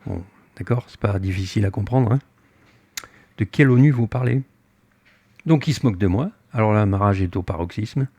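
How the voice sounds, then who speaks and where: An older man tells the story of his own voyage at sea, acting out his side of a tense exchange with lively emphasis. His voice is mellow and relaxed, and the recording is close and dry. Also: lowish voice, quick pace, breathy edge, dry recording. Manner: animated, acts out his own heated dialogue. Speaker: sailboat captain recounting his voyage. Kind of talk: casual spoken storytelling.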